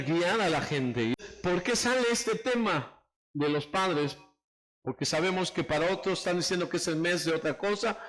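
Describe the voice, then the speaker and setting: A pastor preaching an emphatic sermon, calling on the congregation to raise hands and repeat phrases after him. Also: male voice, high-pitched, a bit bright, poor audio.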